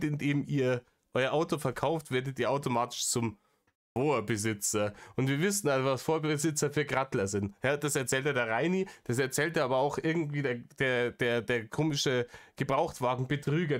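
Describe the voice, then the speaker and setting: A man giving sarcastic, rambling commentary on stream clips. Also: mid-range voice. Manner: sarcastic, rambling, restarts a lot.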